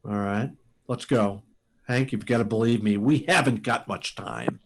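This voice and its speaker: In an old-time radio sci-fi drama, an actor plays a desperate, insistent rocket pilot, pleading in halting, urgent bursts. His male voice is on the low side and creaky.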